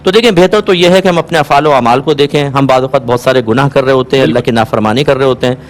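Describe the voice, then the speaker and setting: A man answering viewers' religious questions on a call-in show, calm and explanatory, asking listeners to check they follow. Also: medium pitch. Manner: calm, explanatory, patient advice; asks rhetorical checks, occasionally amused.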